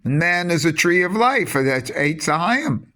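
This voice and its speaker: A man giving a rambling spoken teaching on mysticism, halting often with restarts and repeated words. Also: a little high, sing-song, bright, forceful tone.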